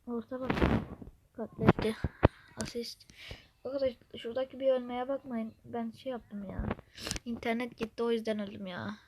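A woman's voice: on the high side, fairly even intonation, moderate pace. A Turkish woman with a blocked nose, chatting casually and muttering to herself as she plays a game. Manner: chatty, mutters and whispers to herself while playing. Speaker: gameplay streamer. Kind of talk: casual gameplay commentary. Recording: noisy home recording.

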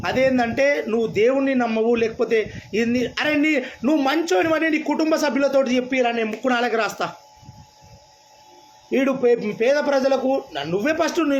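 A man's voice: extremely high pitch, a little hiss or hum. A man with a Telangana Telugu accent delivers an angry political rant, taunting and scornful, firing off questions. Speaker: political speaker.

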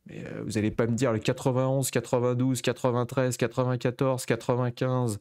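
A man's voice: medium pitch, little pitch movement, brisk, darkish tone. A French man with a Parisian-region accent, riffing playfully as a comedy panel judge with exaggerated storytelling. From France. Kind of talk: comedic casual commentary.

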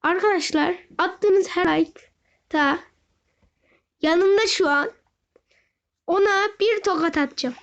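A young gaming host giving excited gameplay commentary, often shouting and wailing as he talks straight to his viewers. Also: extremely high pitch, slow, pauses often. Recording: dull lo-fi recording.

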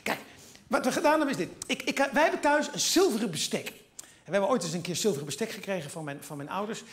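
Man, stand-up comedian, middle-aged, high voice, rapid rambling delivery, animated asides. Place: theatre stage before an audience.

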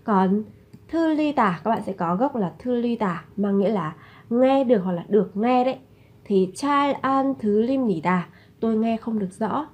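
A woman's voice: fairly high pitch, expressive, moderate pace, darkish tone. A woman teaching a language lesson, repeating each example phrase and then explaining it.

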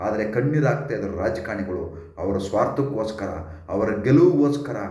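An earnest man with a Kannada accent talks straight to camera on his own channel, pleading and repeating his points. His voice sits at a middle pitch, and the room around him is noticeably echoey. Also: darkish tone. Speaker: YouTube channel host. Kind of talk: direct-to-camera opinion talk.

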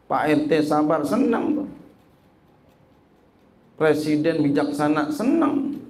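A man's voice: fairly high pitch, takes it slowly, a little hiss or hum. A man teaching a religious text as a sermon, repeating his points and asking the audience questions he answers himself, reading Arabic and translating it. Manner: lively, repetitive, asks the audience and answers himself; reads Arabic phrases then translates them. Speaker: Islamic teacher.

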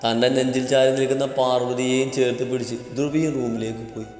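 A man narrates a written story at an even, steady pace, like a serialized audio drama. His voice sits at an ordinary male pitch and rings in a reverberant room with a long decay. Quiet background music plays underneath. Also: fast talker.

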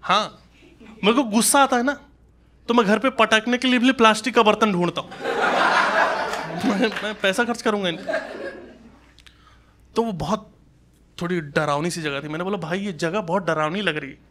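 A high-pitched stand-up comedian from Uttar Pradesh, India, speaks at normal speed with long pauses, telling colloquial observational anecdotes and acting out the dialogue. The set was recorded live on a handheld stage mic in a small indoor comedy club, with audience laughter and noise.

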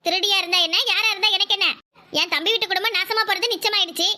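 A woman voicing a scheming, sharp-tongued middle-aged aunt in a cartoon, scolding everyone around her. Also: extremely high pitch, steady tone, fast, exaggerated voice. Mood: scornful. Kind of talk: cartoon voice acting.

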